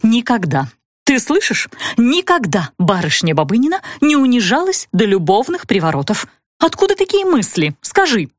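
A woman's voice: a little high, sing-song, moderate pace, no echo, studio quality. A woman voicing a young noblewoman cousin, a proud poor spinster, speaking in agitated, tearful pleading.

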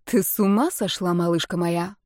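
Woman voicing a straight-talking young woman, crisp, teasing, dry close audiobook sound. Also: lowish voice, moderate pace, dark tone, dry recording, lightly acted. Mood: sceptical. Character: direct, sharp-witted young woman, mocking.

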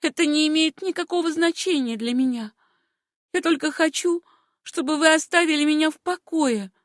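A woman's voice: normal speed, no room sound, clean studio sound, natural voice. A woman voicing a wronged young woman in an audiobook, pleading and defiant. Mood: desperate defiant. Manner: pleading, high-strung, defiant. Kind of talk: audiobook character reading.

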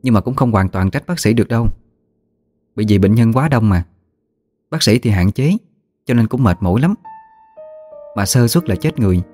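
A man voicing a cheerful, admiring young woman, speaking gently and explaining. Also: on the low side, lively intonation, normal speed, pauses often, soft background music.

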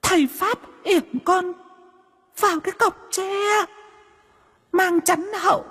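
Squeaky scared kid ghost begging, far off and echoey like in a hall. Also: male voice, steady tone, slow, pushed and bright, full character voice. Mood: terrified pleading. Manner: stammering, pleading. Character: frightened child ghost cowering and begging.

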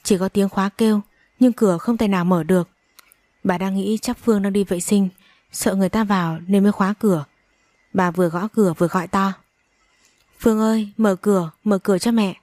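In a brisk, medium-pitched voice with a darkish tone and fairly even intonation, a woman narrates a dramatic story and plays every character with intense emotion. The audiobook-style reading has no echo.

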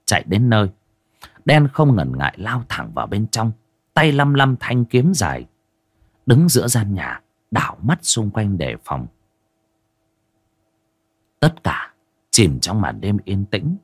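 A man narrating a horror audio story in a dramatic, expressive storytelling way. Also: on the low side, takes it slowly, pauses often, breathy edge, no echo. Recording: dry close recording with faint music.

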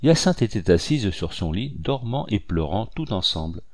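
Audiobook reader: man, low voice, measured and expressive, dry close recording. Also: no echo. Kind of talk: reading a classic novel aloud.

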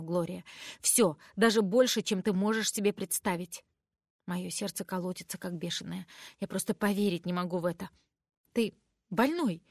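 A woman's voice: medium pitch, no room sound. Woman reading a teen story, dry sound. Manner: shifts into raised emotional voices for the dialogue. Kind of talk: first-person story reading with voiced dialogue.

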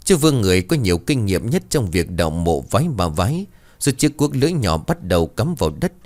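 A man narrating a horror story with dramatic, expressive storytelling. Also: fairly low pitch, brisk.

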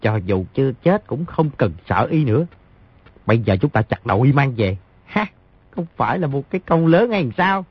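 Male voice actor as a greedy gloating thug, husky, dull dry audio. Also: mid-range voice, animated, moderate pace, no echo. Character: greedy salt-smuggler thug, adult man.

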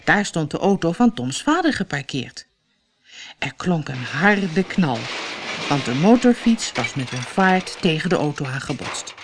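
A woman from the Netherlands reading a children's audiobook aloud with expressive storytelling. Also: deep voice, a little slow, background noise. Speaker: storybook reader.

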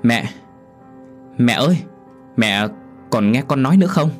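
A man's voice: mid-range voice, expressive, unhurried, faint music behind, voice pushed up, close to an everyday voice. Panicky frightened young man, as a narrator puts him on. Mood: panicked pleading. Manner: anxious, urgent. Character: frightened adult son, panicky, pleading.

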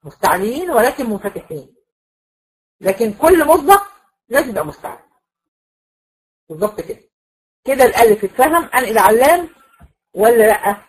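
A woman's voice: fairly high pitch, expressive, fast talker, pauses often, breathy edge, poor audio. A woman with an Egyptian accent teaching Quran recitation rules in a classroom lecture, asking her students questions and demonstrating the sounds herself. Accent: Egyptian Arabic.

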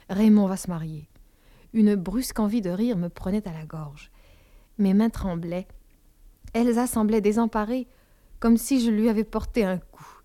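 A woman narrating a literary novel in the first person, measured and intimate, dropping to a whisper in dialogue. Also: mid-range voice, mellow. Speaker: audiobook narrator.

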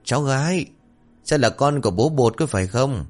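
A man voicing a kindly village man near fifty who coaxes a child gently and argues stubbornly with his wife. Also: medium pitch, animated, moderate pace, faint music behind, pitched above the performer's own voice, close to an everyday voice. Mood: coaxing. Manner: gentle, coaxing, then stubborn and defensive.

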